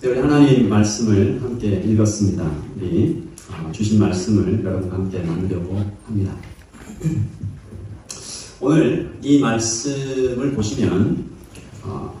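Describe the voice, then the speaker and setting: A man's voice: lowish voice, measured pace, warm tone, a little hiss or hum. A man preaching a sermon in a conversational, lightly joking way, acting out bits of dialogue. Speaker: pastor. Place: church hall. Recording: echoey hall, mic far off.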